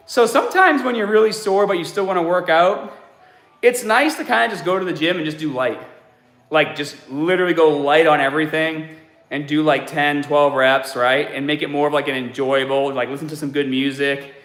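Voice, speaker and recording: A man's voice: fairly high pitch, a bit bright, echoey room. A man in his forties hosting a casual fitness live stream while working out, slightly sick and out of breath, reading chat aloud with laid-back sighs. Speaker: fitness channel host. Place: home gym.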